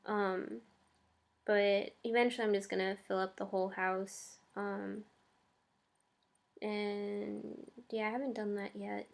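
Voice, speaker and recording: A woman's voice: medium pitch, flat delivery, slow, gravelly, long pauses. A young woman chatting casually in her first vlog, hesitant and full of ums and likes. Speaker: vlogger.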